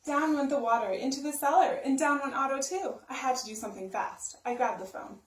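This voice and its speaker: With a high-pitched voice and a slightly fast pace, a woman reads a children's storybook aloud at story time. She narrates expressively, using simple, emphatic phrasing for young ears, recorded from afar in a roomy space.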